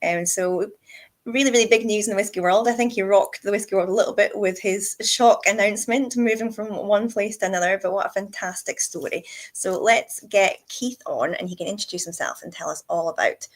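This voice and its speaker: A woman with a Scottish accent and a medium-pitched voice. She hosts in a casual, chatty style, keen and informal, as if on a live chat show. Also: fairly quick. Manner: chatty, enthusiastic. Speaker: host.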